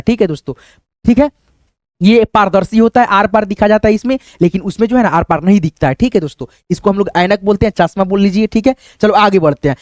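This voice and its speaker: A man teaching the alphabet to beginners slowly and patiently, asking questions and answering them himself, with a friendly word for the audience in nearly every sentence. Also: high-pitched, darkish tone, no room sound, studio quality.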